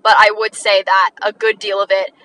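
Teen girl, podcast ramble, bright tone, mic a bit distant with faint noise, chatty and self-deprecating. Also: mid-range voice, flat delivery. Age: teens, sixteen. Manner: chatty, many likes, quick laughs, self-deprecating. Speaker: podcast host. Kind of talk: rambling casual monologue.

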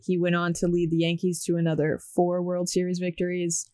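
A young podcast host leading a casual sports chat in an upbeat, brisk way. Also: mid-range voice, monotone, a little mellow, no echo.

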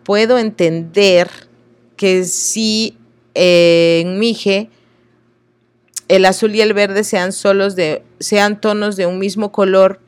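Reading texts aloud slowly, a woman from Oaxaca, Mexico speaks at medium pitch with fairly even intonation, and the recording is dry. She breaks off for earnest apologies whenever an unfamiliar word trips her up.

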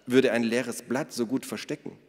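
A man's voice: mid-range voice, fairly even intonation, normal speed, darkish tone, pitched above the performer's own voice, close to an everyday voice. A man voicing a cheeky, know-it-all girl who talks in an eager, teasing way, in a storybook reading with long reverb.

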